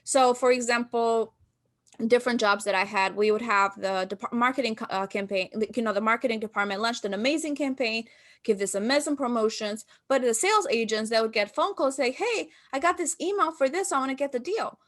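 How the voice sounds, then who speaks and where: On a laid-back podcast, a guest who founded a marketing business tells stories and acts out quotes from herself and others. She's from Albania and in her thirties, and her voice is fairly high, a little fast, and fairly bright.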